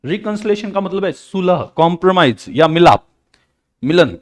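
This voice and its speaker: A male accounts teacher giving a live online lecture in a fairly high voice. He keeps things playful and joking and drops English phrases into his teaching. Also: expressive, moderate pace.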